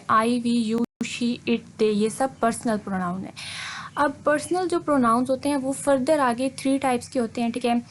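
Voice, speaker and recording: A woman teaching grammar, fairly high voice. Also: slight background noise. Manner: patient, explains step by step, mixes English into Hindi. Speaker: English teacher. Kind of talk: slide-based grammar lesson.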